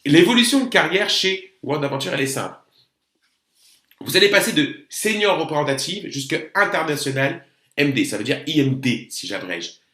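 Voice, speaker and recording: A man's voice: on the high side, bright, forceful tone. A man speaking French, giving a persuasive sales presentation that mixes in rhetorical questions. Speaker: business opportunity presenter. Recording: roomy echo.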